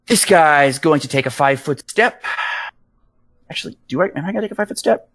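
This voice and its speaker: A man acting as game master, calmly explaining rules and narrating a tabletop fight in an easygoing way. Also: fairly high pitch, brisk. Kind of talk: running a tabletop game online.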